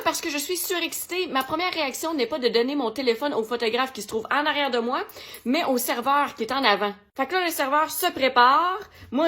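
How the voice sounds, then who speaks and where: A young woman with a Québécois French accent tells a story to the camera in a casual vlog. Her voice sits a little higher than most women's. She talks in a lively, slangy, self-mocking way. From Quebec. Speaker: magazine vlogger. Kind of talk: casual first-person storytelling.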